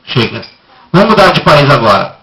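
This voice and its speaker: A man's voice: fairly high pitch, sing-song, normal speed, gravelly, pushed and bright, rough recording. A male ventriloquist playing the patient, scolding straight man in a stage comedy routine.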